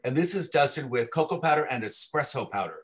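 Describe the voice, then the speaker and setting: Brisk and mid-range with lively intonation, a male chocolatier joins a livestream video call as a guest. He talks about his chocolates enthusiastically and in detail, casual in tone and often restarting.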